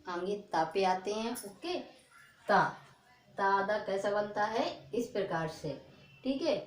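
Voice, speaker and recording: A woman teaching a reading lesson, stretching out each word slowly and checking in with "okay" after each one. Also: medium pitch, lively intonation, a little hiss or hum. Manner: slow, drawn-out repetition of words, frequent "ok" checks. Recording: echoey room.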